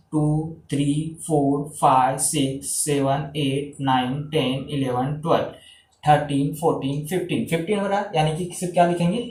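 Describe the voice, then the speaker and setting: A man's voice: on the high side, a little mellow, slight background noise. Hindi man teaching maths, echoey room. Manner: counting aloud while drawing lines, encouraging. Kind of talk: whiteboard maths lesson.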